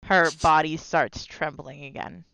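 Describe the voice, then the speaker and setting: Slow, deliberate woman player. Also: low voice, steady tone, gravelly, fairly bright tone, no room sound, low-quality recording. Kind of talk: narrating her character's actions.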